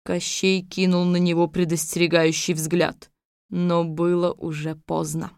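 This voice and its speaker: A woman narrating a fairy tale audiobook in a calm, even storytelling manner. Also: lowish voice, a little slow, vocal fry, clear, resonant tone, no echo, studio quality.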